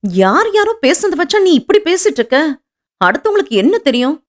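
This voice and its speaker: A woman voicing a sharp-tongued young sister who scolds briskly and insistently. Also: high voice, very animated, voice pushed up. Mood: scolding.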